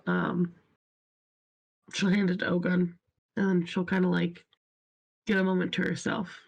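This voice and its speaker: A man's voice: high voice, monotone, unhurried, creaky, husky, dull audio, voice pushed up, heavily acted. A man voicing a sad female adventurer in a melodramatic, mock-mournful way, in a tabletop game.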